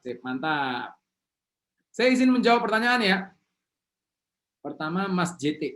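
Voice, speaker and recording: A male coach speaking on a video call, his voice sitting fairly high and swinging widely in pitch. He is animated and teaches with energy, prompting listeners to repeat after him. His manner is an online seminar talk. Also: measured pace. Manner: animated, leads the audience in call-and-response.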